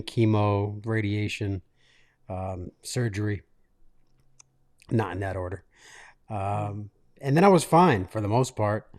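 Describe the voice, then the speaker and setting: A man in his late thirties hosting a casual podcast from a living room, telling a personal story in a halting, self-interrupting way. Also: on the low side, a little mellow. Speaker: podcast host. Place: makeshift studio in a living room.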